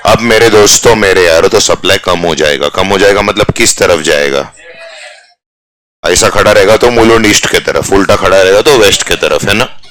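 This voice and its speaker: Male commerce teacher, low pitch with a forceful edge, jokey classroom banter, switches to English catchphrases. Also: moderate pace. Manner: teasing, jokey, mixes English phrases into Hindi. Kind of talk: live classroom lecture.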